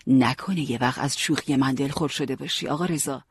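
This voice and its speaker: A man voicing a teasing but caring young male fighter who leads his friends, with a husky voice. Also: medium pitch, no echo. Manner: joking, bossy yet warm.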